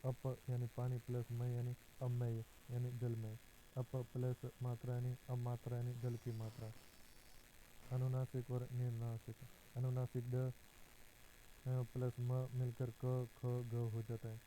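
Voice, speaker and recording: Slow, dark-voiced male grammar teacher. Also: mid-range voice, completely flat delivery, slight background noise, poor audio. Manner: slow, methodical, fills pauses with drawn-out "a". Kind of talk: exam-prep grammar lesson.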